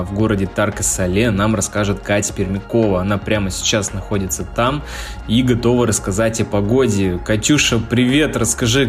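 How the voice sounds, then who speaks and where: Low-pitched jokey male radio host. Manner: jokey, chatty. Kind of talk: playful radio presenting. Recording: music playing under the voice. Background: background music.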